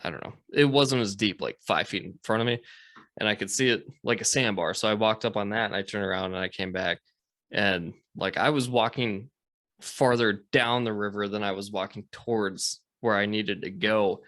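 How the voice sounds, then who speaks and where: Relaxed, profane man telling a war story. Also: on the low side, normal speed, no room sound, clean studio sound. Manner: rambling, profane, lots of fillers. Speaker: podcast host. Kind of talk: casual chat, storytelling.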